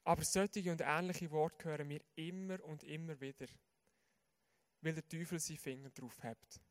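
A man's voice: a little high, fairly even intonation, normal speed. A man with a Swiss German accent preaching a sermon, earnest and putting questions straight to his listeners.

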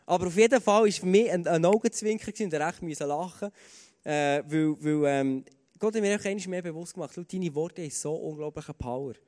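Swiss german guy preaching, kinda high voice, chatty and earnest, lots of ums, long hall echo. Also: fairly quick, darkish tone. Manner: earnest, conversational, with fillers and repeated starts. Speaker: pastor. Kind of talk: sermon with personal stories.

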